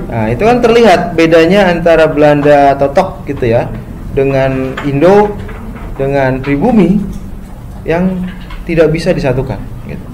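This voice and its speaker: A man giving a spoken lecture, often ending phrases with "gitu ya" and pausing on fillers. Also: on the high side, a little mellow, a little hiss or hum, poor audio. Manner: frequent "gitu ya" tags, hesitant fillers.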